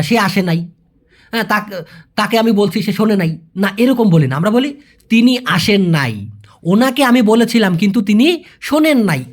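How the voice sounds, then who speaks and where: A man from Bangladesh hosting a language lesson, explaining patiently, asking rhetorical questions and repeating key words. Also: sits high. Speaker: language teacher, channel host.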